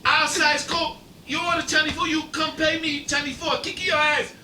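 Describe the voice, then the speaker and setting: A man's voice: extremely high pitch, flat delivery, moderate pace, voice pushed up. A man voicing a brash prank caller who poses as a takeout worker, with broken English and an exaggerated mock-foreign accent, pushy and threatening. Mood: pushy, demanding. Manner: pushy and threatening, barking demands. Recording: roomy far-off mic with background noise.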